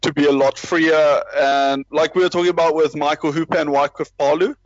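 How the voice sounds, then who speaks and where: A man's voice: medium pitch, no room sound, muffled recording. A man talking rugby in a casual, rambling way, with many restarts and self-deprecating asides. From South Africa. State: parent with a baby nearby. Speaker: rugby podcast panelist. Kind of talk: casual chat.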